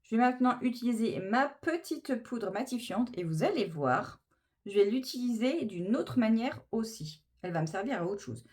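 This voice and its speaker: A woman's voice: fairly high pitch, expressive, moderate pace, darkish tone. Chatty woman doing makeup. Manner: chatty and enthusiastic, gushing over products. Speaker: beauty vlogger. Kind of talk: casual makeup tutorial chat.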